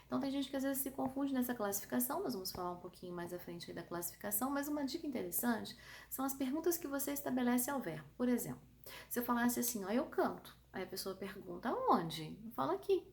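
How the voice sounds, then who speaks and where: A woman with a São Paulo countryside Brazilian accent teaching an online grammar lesson, lively and emphatic, often checking with her students. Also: on the high side, quick pace, vocal fry, slight background noise. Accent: São Paulo countryside Brazilian Portuguese. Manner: lively, emphatic, asks the class checking questions. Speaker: Portuguese teacher.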